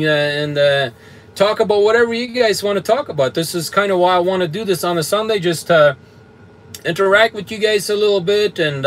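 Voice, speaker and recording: Canadian trucker guy rambling on a live stream, straight-talking, kinda high voice, lots of uh's. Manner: blunt, straightforward, chuckles often, many fillers. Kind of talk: casual live-stream chat reading comments. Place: truck cab with bunk heater and fan.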